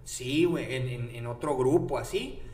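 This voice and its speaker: A man's voice: mid-range voice, normal speed. A man with a Mexican Spanish accent telling stories in a casual chat, full of slang, acting out what people said. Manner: slangy, animated storyteller acting out quotes. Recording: echoey room with faint background noise.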